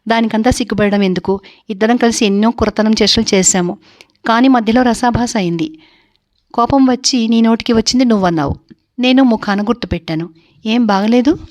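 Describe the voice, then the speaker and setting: A woman's voice: fairly high pitch, a little fast, darkish tone, lightly acted. Woman narrator voicing a cheerful, teasing young landlord's son, laughing banter, storybook reading.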